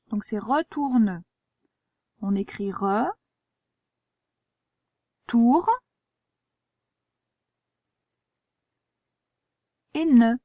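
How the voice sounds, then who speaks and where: A woman teacher giving a dictation lesson to children, spelling words letter by letter and gently pointing out traps. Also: medium pitch, no room sound. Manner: gentle, reminding pupils of traps. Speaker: primary school teacher.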